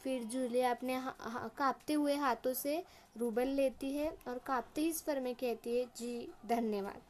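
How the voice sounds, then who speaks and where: A woman's voice: high-pitched, steady tone, normal speed, slight background noise. A woman Hindi teacher explaining a story to children, retelling lines and defining words as she goes. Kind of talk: explaining a lesson to students.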